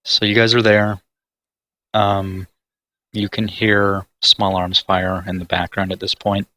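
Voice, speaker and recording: A man's voice: low-pitched, completely flat delivery, slow pace, bright, forceful tone. A man running a tabletop game as game master, describing scenes over voice chat and imitating the sounds in them. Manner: descriptive, mimics sounds with his voice. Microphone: voice chat headset.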